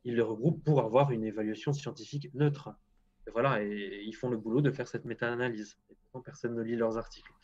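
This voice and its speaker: A man's voice: mid-range voice, steady tone, fairly quick, darkish tone, highs cut off. A man with a French accent, guest agroclimatologist on a live stream, talking bluntly and often restarting sentences. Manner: blunt, self-deprecating, lots of restarts.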